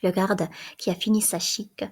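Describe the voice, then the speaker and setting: A woman reads the stage directions of a play in an even, measured voice. Her delivery is plain and steady, meant for listeners following along with the text. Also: medium pitch, slightly rough. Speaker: reader. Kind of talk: scripted reading of a play.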